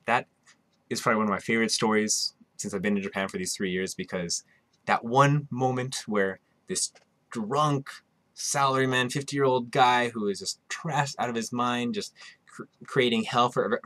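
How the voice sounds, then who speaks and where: A man's voice: medium pitch, a bit bright, dry recording. A man hosting a podcast, telling a story in a rambling, casual way with many restarts and asides. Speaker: podcast host; musician.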